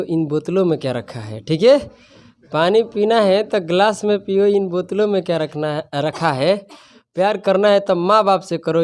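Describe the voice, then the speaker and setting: A man's voice: high voice, darkish tone. Teasing male maths teacher. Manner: teasing, scolding, playful dialect asides. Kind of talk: classroom lecture with joking asides.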